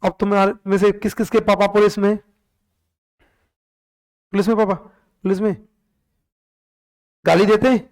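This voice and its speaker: A man teaching a class, drilling questions and answers over and over and calling on the students to respond. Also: high voice.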